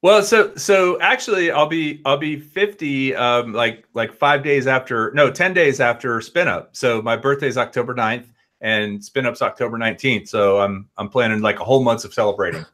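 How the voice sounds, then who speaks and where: A man in his late forties, a guest on an online video-call chat, telling rambling stories in a lively, animated way. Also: medium pitch, normal speed. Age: 40s. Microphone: headphones and laptop on a video call.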